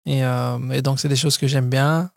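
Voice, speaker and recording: A Brazilian-born man in his thirties, a guest entrepreneur, tells his story in a casual podcast interview, often hesitating and restarting. His gravelly, mid-range voice holds a steady tone at a moderate pace. The studio recording is clean, with no echo.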